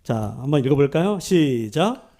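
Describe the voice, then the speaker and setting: A man's voice: medium pitch, big pitch swings, normal speed, mellow. A man preaching a sermon as pastor, emphatic and full of rhetorical questions to the congregation. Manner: acts out quoted speech within the preaching.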